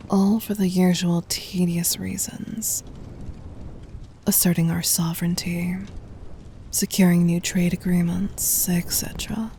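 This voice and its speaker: In an ASMR roleplay, a woman plays a gentle demon queen who dotes on the listener, whispering softly and breathily. Her delivery is tender, formal and intimate, her pitch fairly low, with slight background noise.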